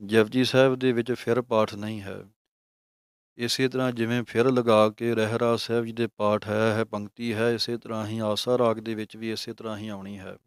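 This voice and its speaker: A man leads a scripture lesson, drawing out each verse slowly before explaining it calmly. His voice is smooth and even, with little rise and fall, and the sound is dry and close. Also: fairly low pitch, dry recording. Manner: slow, drawn-out recitation of verses between explanations; calm, measured teaching tone. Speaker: Sikh religious teacher.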